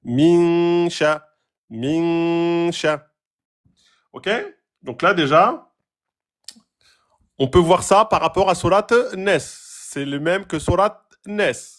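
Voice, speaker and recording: A man teaching Quran recitation rules, patiently asking questions and repeating example words slowly. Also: high-pitched, a bit bright. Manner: asks students rhetorical questions. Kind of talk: tajwid lesson, explaining a page.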